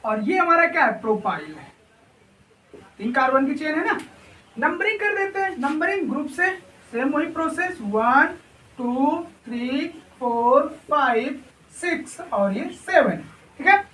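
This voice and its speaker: A man teaching a chemistry lesson in a high voice, with the sound of a bare, echoing room. He is a bit far from the microphone. He poses questions to the class and answers them himself. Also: animated, a little slow, pushed and bright, slight background noise. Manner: checks in often with the class. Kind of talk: classroom lecture at a whiteboard. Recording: echoey room, voice far from mic.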